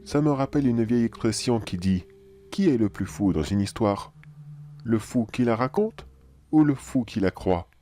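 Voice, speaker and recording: A man playing a calm, philosophical cannibal anomaly in a horror audio drama, measured and politely menacing. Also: medium pitch, faint music behind, lightly acted.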